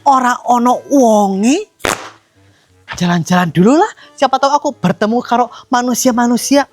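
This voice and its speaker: A woman's voice: a little high, moderate pace, a little mellow, close to an everyday voice. A woman playing a snobbish, rude mother-in-law with a Javanese accent, talking down to people in a sneering, condescending way for a comedy skit.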